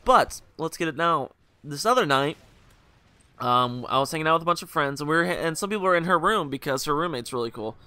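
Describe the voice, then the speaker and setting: A young gaming video host rambles animatedly through a story over gameplay, full of jokes, fillers and asides, and talks briskly. His very bright, crisp, fairly high voice is recorded close and dry with no echo, though a hangover makes it a bit rougher and lower than usual.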